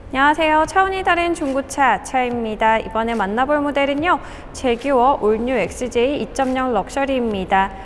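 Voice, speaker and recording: A woman's voice: sits high, slight background noise. A woman narrating a scripted used-car walkaround as a dealership presenter, with polite, orderly inspection patter. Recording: music behind the voice. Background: background music.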